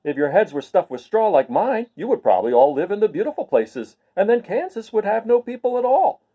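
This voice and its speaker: A man's voice: high voice, sing-song, a little fast, narrow, tinny audio, voice pushed up. A man voicing a naive, earnest and cheerful scarecrow stuffed with straw in a storybook reading. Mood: earnest, puzzled. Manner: earnest, artless, wondering.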